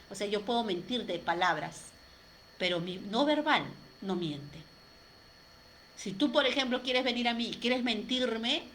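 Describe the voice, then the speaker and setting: Woman coach talking to camera, expressive, goes quiet for emphasis, asks lots of questions, bit of hiss in the background. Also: mid-range voice. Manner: expressive, addresses listeners directly, rhetorical questions. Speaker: communication coach. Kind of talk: motivational talk to camera.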